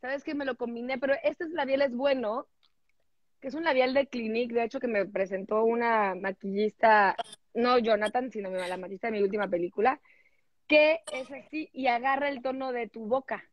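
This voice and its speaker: A woman's voice: fairly high pitch, normal speed, dry recording. A woman in her forties hosting a phone livestream, chatting casually and telling candid stories with laughter. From Mexico. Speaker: livestream host. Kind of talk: casual chat. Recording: dull dry phone livestream audio.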